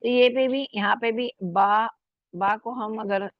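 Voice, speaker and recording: A woman's voice: a little high, fairly even intonation, no room sound, highs cut off. Patient woman teaching Urdu letters. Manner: patient, repeats "ठीक है" and "है ना" often; spells out letters and syllables slowly. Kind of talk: online language lesson.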